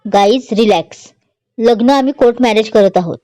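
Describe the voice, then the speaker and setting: A woman voicing a calm, teasing young man. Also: on the high side, normal speed, no room sound, lightly acted. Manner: easygoing, reassuring.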